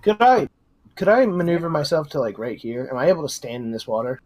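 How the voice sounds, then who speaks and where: A man's voice: fairly high pitch, sing-song, quick pace, darkish tone. A man playing a tabletop game, talking in a casual, self-deprecating way with frequent swearing. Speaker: player.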